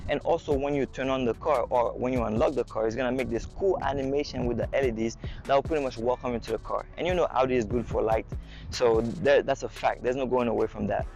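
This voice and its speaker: A man giving an excited, casual car walkaround review outdoors at a dealership, a little out of breath in the heat. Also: medium pitch. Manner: excited, enthusiastic hype talk.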